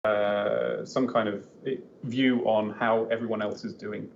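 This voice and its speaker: A man's voice: on the low side, little pitch movement, slow pace. An English man, a game developer guest on a livestream, explaining things casually with plenty of fillers. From England. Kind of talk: live interview answers. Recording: slightly dull sound with faint noise.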